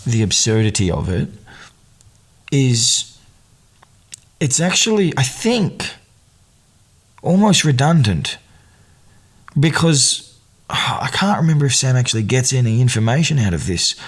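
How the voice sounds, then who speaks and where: A man's voice: medium pitch, big pitch swings, unhurried, long pauses, breathy edge. A man hosting a podcast, giving casual film commentary in a rambling way, with many fillers and restarts and bursts of amused emphasis. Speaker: podcast host.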